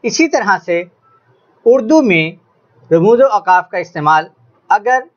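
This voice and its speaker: A man with a high, lively voice teaching a lesson at an unhurried pace. He addresses his students formally and raises his voice to stress examples. The recording sounds dull and lo-fi. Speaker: Urdu teacher. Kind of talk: classroom lesson.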